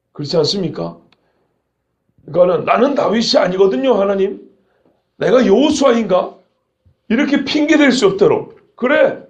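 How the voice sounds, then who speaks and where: High-voiced earnest preaching pastor. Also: male voice, muffled recording. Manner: earnest, emphatic preaching with rhetorical questions. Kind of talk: sermon.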